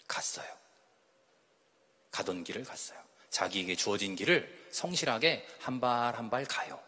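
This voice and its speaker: A man preaching with a lively, rising and falling voice, asking his listeners questions and acting out the quoted lines. His voice rings with a long reverb through a church hall. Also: mid-range voice. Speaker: speaker at a church women's retreat. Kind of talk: sermon-style lecture.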